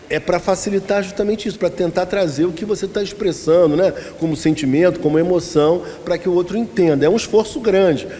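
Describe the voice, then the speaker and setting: A man's voice: a little high, dark tone. A man with a Brazilian accent, a pastor giving a conversational Bible-study lesson, asking the congregation questions and telling anecdotes. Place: church hall. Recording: reverberant church hall with faint noise.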